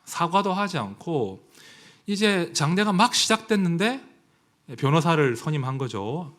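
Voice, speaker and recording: A man delivers a Sunday sermon with a fairly high, lively voice whose pitch swoops widely. He talks to the congregation like a conversation, dropping to near whispers and then rising to outcries. When he reads scripture his voice grows louder and more formal. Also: measured pace. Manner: emotional, swings from hushed asides to raised outcries; conversational, asks the congregation for agreement. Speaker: pastor.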